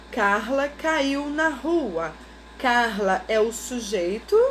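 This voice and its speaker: Patient woman schoolteacher, high voice, unhurried classroom delivery. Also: a little hiss or hum. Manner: slow, patient, explains step by step and checks with "ok?". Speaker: teacher. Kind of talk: recorded remote lesson for schoolchildren.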